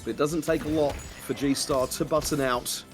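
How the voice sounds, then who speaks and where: A man's voice: fairly high pitch, steady tone, normal speed, over music. A man giving color commentary on a fighting game match, wry and joking, full of technical analysis.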